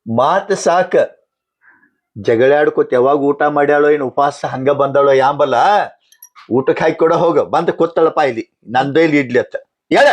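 A man with a North Karnataka Kannada accent playing a stern elder brother and husband who rebukes his wife and gives gruff orders. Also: a little high, normal speed, highs cut off, close to an everyday voice. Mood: commanding.

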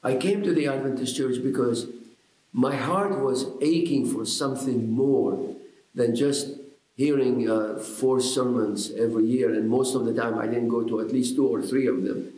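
An older pastor from Iraq gives a personal testimony to a close-range camera indoors, in front of a bookshelf, and the room is echoey. His middle-pitched voice has a dark tone, and he sounds sincere and earnest yet halting, restarting and repeating words and using fillers.

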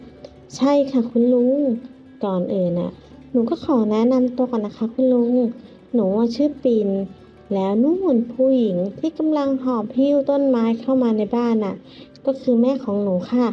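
A bright, chatty young woman who speaks sweetly and politely, voiced by a woman narrator. Her voice sits fairly high, with soft music behind it. The recording is muffled and lo-fi. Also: moderate pace, natural voice. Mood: cheerful. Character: cheerful young woman, kindergarten teacher. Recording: dull lo-fi with music.

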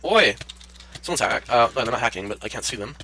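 A man's voice: mid-range voice, fairly even intonation, rapid-fire, sharp tone. A man hosting a gaming channel who sounds slightly sick, rambling casually and muttering to himself as he plays. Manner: rambling, talks to himself while playing. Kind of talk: casual gameplay commentary.

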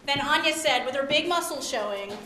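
High-voiced woman storyteller in echoey hall. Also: a little fast. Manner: animated, prompting children to repeat lines. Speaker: storyteller leading children in a show. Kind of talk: read-aloud children's story performance. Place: stage in an echoey hall with live audience. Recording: echoey hall, loud crowd and noise.

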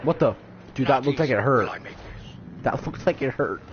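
Excitable gamer guy, lively pitch. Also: moderate pace, slight background noise. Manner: excitable, exclaiming, giggly. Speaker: gamer streaming gameplay. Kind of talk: casual gameplay commentary. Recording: dull lo-fi mic with game music.

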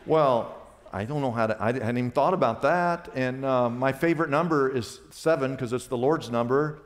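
A pastor telling a story in a sermon, animated and rising to loud excited peaks. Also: male voice, mid-range voice, moderate pace. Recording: long reverb of a large hall.

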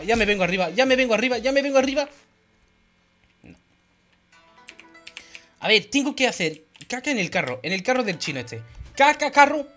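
A woman with a Spain Spanish accent giving excited gameplay commentary, often shouting and laughing. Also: on the high side. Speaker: gaming youtuber.

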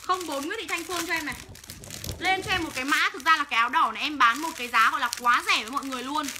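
Her voice is high-pitched, pushed and bright, with slight background noise behind it. The young woman is selling clothes on a livestream, reeling off buyers' names fast and ranting at viewers with angry profanity in between.

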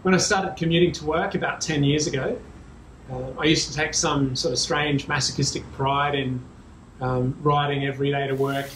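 A man in his thirties with an Australian accent, talking casually to camera about cycling, relaxed and chatty with frequent ums, in a small garage with bikes. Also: medium pitch, slight background noise. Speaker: cycling vlogger. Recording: echoey small room, faint ambience.

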